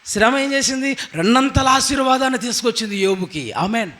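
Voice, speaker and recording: A man with a high voice delivers a sermon from the pulpit. He drives each point home by asking the congregation questions and answering them himself, and he peppers his lines with hallelujah and amen. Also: animated, a little fast, pushed and bright. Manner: emphatic preaching, asks the congregation rhetorical questions and answers them. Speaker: pastor.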